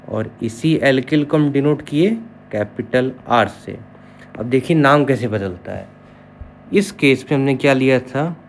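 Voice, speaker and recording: A man with a mid-range voice teaches chemistry online, spelling terms out letter by letter and checking in with his students through repeated "okay"s. A little hiss or hum can be heard in the recording.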